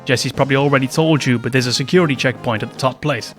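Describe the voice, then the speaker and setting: A man's voice: medium pitch, fast talker, fairly bright tone, soft background music, lightly acted. A man reading a brusque, commanding male rebel leader from a video game in his own voice.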